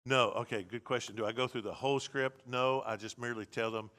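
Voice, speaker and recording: A man's voice: medium pitch, steady tone, a little fast, bright, forceful tone. A man, a pastor teaching a seminary class in a blunt, conversational lecture with many restarts.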